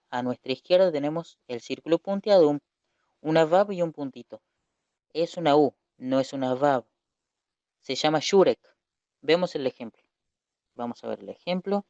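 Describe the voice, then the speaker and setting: A man's voice: fairly high pitch, expressive, normal speed, pauses often, a little mellow, no room sound. A man teaching a recorded Hebrew lesson, explaining patiently, repeating key points and correcting himself as he goes. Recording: dull lo-fi dry recording.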